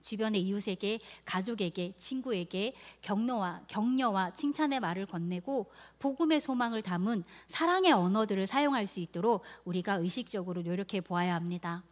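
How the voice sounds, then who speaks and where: A woman in her thirties preaching a sermon, telling a personal story, acting out quoted prayers and sometimes dropping to a hushed whisper. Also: mid-range voice, normal speed, hardly any pauses.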